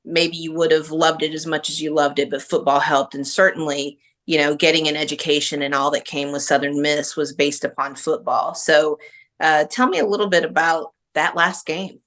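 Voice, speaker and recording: A woman hosting an interview podcast, setting up each question with measured background before asking. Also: low-pitched, steady tone, fairly bright tone. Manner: measured, leading questions with context.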